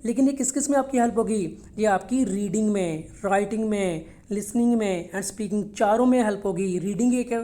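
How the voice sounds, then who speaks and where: In a mellow, medium-pitched voice, a woman teaches English vocabulary for test prep. She explains the words in a mix of Hindi and English, repeats each one for pronunciation, and checks in with "okay?"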